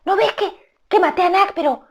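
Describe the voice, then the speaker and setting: A woman's voice: very high voice, normal speed, dull audio, pitched above the performer's own voice. A woman voicing a small, brave young mongoose who speaks urgently and insistently.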